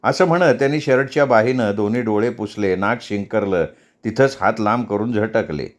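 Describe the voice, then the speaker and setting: A man narrating a novel as a storyteller, steady and plain. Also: lowish voice, normal speed. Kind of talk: Marathi novel reading, storytelling.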